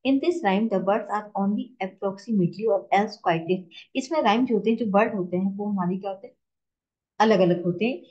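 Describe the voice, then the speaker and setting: A woman teacher gives a lecture at an ordinary middle pitch. She explains step by step and slows right down for the English examples. The recording sounds a little dull and lo-fi. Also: mellow. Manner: explains in Hindi, reads English lines slowly. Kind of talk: classroom lecture.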